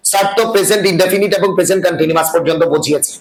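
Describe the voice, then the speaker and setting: A man's voice: high-pitched, fairly even intonation, very fast, crowd noise. A man teaching an English class, lecturing and often asking students whether they follow. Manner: asks the class frequent check-in questions. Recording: echoey room with class noise.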